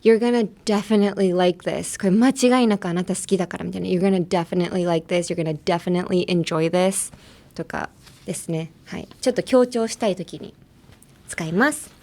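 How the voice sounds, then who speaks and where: A woman's voice: lowish voice, normal speed, a little mellow. A young woman hosting a bilingual English lesson, chatty and playful as she switches between English and Japanese. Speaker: English teacher host.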